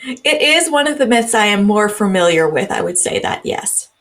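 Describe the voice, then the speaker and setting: A woman's voice: medium pitch, sing-song, normal speed, fairly bright tone. A young adult woman co-hosting a podcast in casual chat, chatty, often laughing, with plenty of ums and likes. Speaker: podcast co-host.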